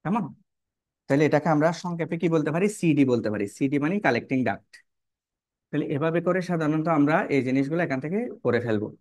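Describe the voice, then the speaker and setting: A man's voice: a little high, expressive, fast, a little mellow, no echo. Man teaching biology, dry close mic. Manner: repetitive, checks in with "কেমন?" and rhetorical questions. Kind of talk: online lesson, explaining while drawing.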